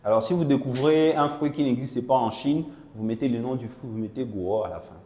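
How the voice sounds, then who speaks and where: A man with a mid-range, warm voice interprets a Chinese lesson into French for a class at a fairly quick pace. He explains patiently, checking that students follow with "non?" and "voilà," in an echoey classroom with long reverb.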